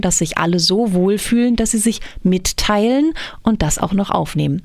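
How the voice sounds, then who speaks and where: A woman's voice: mid-range voice, a little mellow, no room sound. Woman presenting on community radio, dry sound. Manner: measured, addressing listeners directly. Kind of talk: scripted radio narration.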